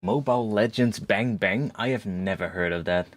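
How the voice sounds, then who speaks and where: A man's voice: on the low side, moderate pace, dry recording. A young man chatting casually on a livestream, rambling with frequent swearing and laughs as he gives feedback on music tracks. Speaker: music producer streamer giving feedback.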